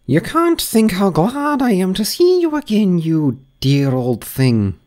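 A man putting on the Duchess, a shrill old gossip. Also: wildly swooping pitch, darkish tone, heavily acted. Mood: gushing, moralizing. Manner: high, sing-song and drawn-out. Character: ugly old noblewoman, chummy and moralizing.

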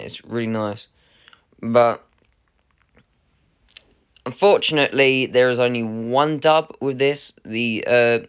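Male vlog host, mid-pitched, resonant voice, casual and rambling, keeps correcting himself. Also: a bit bright, smooth. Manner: rambling, hesitant, with many "uh"s and self-corrections. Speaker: channel host unboxing a film collector's edition.

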